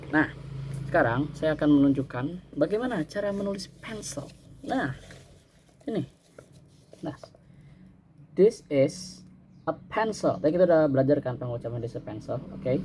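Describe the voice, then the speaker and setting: Slow-drilling male English teacher. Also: fairly high pitch, mellow, a little hiss or hum. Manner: slow drilled repetition, answers his own questions. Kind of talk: simulated classroom teaching.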